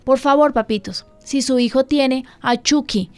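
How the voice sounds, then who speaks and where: Woman pastor-host, earnest and pleading, slightly high voice. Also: a little slow, a little mellow, soft background music.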